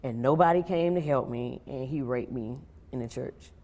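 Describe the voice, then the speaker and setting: A woman, a guest on a talk show, telling her personal story in a quiet, halting way. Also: extremely low pitch, a little hiss or hum. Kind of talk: personal testimony interview.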